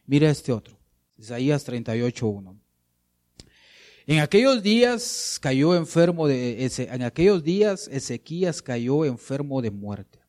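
A man preaching a sermon at a church service, slow and emphatic, repeating phrases and swinging between loud declarations and hushed pleading. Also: mid-range voice, no echo. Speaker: pastor.

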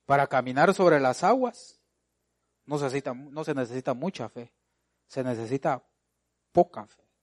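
A man preaching a sermon. He calls out to the congregation with repeated rhetorical questions and swings between loud exhortation and quiet, drawn-out asides. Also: medium pitch, expressive.

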